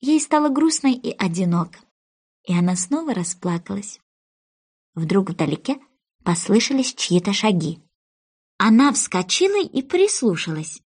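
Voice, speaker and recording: A woman narrating a children's fairy tale audiobook in an expressive way. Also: mid-range voice, measured pace, pauses often, husky.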